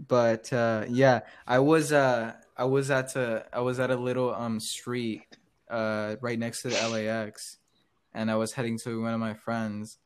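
A man's voice: mid-range voice, flat delivery, measured pace, slight background noise. Rambling young man telling a car story. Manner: rambling storyteller, many fillers and restarts, laughs often. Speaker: podcast host. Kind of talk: casual chat.

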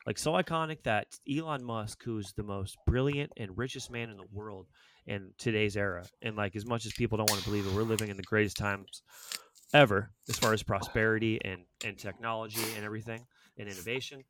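A man's voice: fairly low pitch, fairly quick, noisy background. A man hosting a casual podcast conversation and asking questions.

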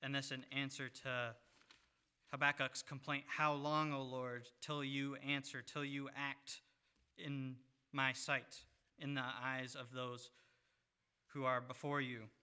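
A man preaching a sermon, reading scripture in a measured way with pauses. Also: medium pitch, flat delivery, pushed and bright, smooth.

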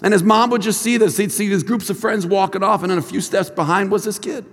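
A man's voice: sits high, steady tone, fast talker. A middle-aged man, head of a school, giving an earnest chapel sermon with stories and a closing prayer. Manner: earnest storytelling, acts out quoted voices. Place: large hall at a college chapel. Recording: long hall reverb.

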